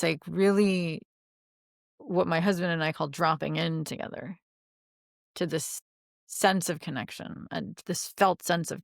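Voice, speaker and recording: A woman's voice: low-pitched, vocal fry, fairly bright tone, no room sound, studio quality. A middle-aged woman coaching on relationships in a podcast interview, chatty, with many fillers and easy laughs.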